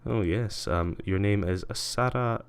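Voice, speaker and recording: While streaming a game, a young man gives casual, self-mocking commentary, muttering both to himself and to his chat. He speaks slowly in a fairly low, clear, resonant voice.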